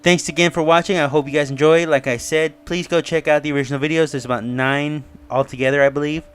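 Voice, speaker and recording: A male online video host talks at a quick pace in a fairly high, clear and resonant voice with fairly even intonation. In his casual review, he mulls over opinions and theories and makes frequent asides.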